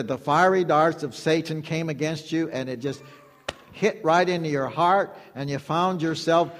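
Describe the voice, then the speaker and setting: Emphatic preacher man in echoing hall. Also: fairly high pitch. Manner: emphatic, repetitive preaching with call-and-response. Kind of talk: sermon. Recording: long hall reverb.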